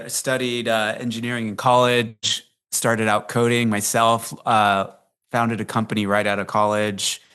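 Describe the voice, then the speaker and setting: A fairly low, fairly bright, clean-toned male voice belongs to an American tech company CEO in his fifties with no accent. He's a guest in a casual interview, telling long, rambling anecdotes in a chatty way, laughing often and dropping fillers like "like" and "um."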